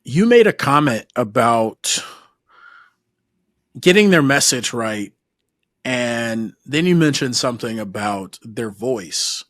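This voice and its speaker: A man hosts a podcast in an easy, conversational way. He rambles a little and restarts his sentences as he thinks. His voice is mid-pitched and sits close and dry on the mic. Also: expressive, slow pace, fairly bright tone, dry recording. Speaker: podcast host. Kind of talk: casual interview chat.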